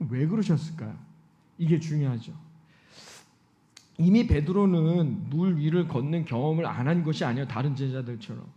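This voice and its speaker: A man's voice: a little high, warm tone. A male pastor preaching a Sunday sermon in a church, often putting rhetorical questions to the congregation. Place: church sanctuary. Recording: dull lo-fi sound.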